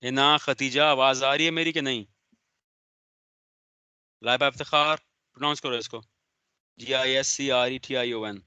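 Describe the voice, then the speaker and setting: Male law lecturer, bright forceful tone, stern and sarcastic, dry close sound. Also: mid-range voice, steady tone, a little slow, long pauses, clear, resonant tone, no room sound. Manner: stern, sarcastic, calls on students by name. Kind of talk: online lecture, scolding and explaining.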